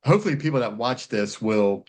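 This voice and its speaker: A man's voice: medium pitch, animated, a little fast. Chatty man hosting a podcast. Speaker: podcast host. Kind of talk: casual podcast chat.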